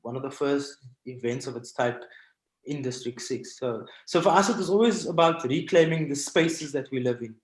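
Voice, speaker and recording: A South African man from Cape Town, medium-pitched and moderately paced, shares stories as a guest artist in an informal presentation. Speaking from indoors at home on a video call through its microphone, he stops and starts a lot, and there's a roomy echo.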